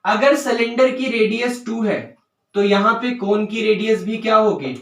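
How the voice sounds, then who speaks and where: A man teaching a maths lesson step by step, often checking whether students follow and slowly dictating terms as he writes. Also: high voice, vocal fry, a bit bright, distant mic. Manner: dictates English terms slowly while writing. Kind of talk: board-work maths lesson. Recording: roomy sound, voice away from mic.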